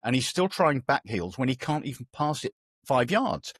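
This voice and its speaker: A man's voice: mid-range voice, sing-song, normal speed, a bit bright, breathy edge, no room sound, studio quality. A man hosting a casual football podcast, self-deprecating and steering the talk between guests. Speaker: podcast host.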